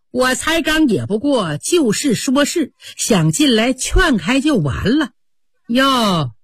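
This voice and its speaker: A senior maid, coaxing and reproachful by turns, as a woman storyteller puts her on. Her voice rises high and lively, slightly husky. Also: no room sound, exaggerated voice. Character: patient senior maid, stung to anger.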